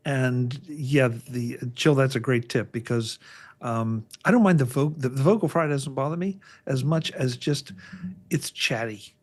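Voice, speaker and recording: A man chatting casually as a podcast panelist, halting and often repeating his words as he goes. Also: mid-range voice.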